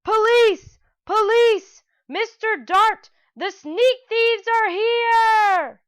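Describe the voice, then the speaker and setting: A woman voicing a small, brave, clever boy who shouts at full strength. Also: very high voice, drawn-out words, dry recording, studio quality, voice pushed up, heavily acted. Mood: shouting alarm. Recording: dull lo-fi recording.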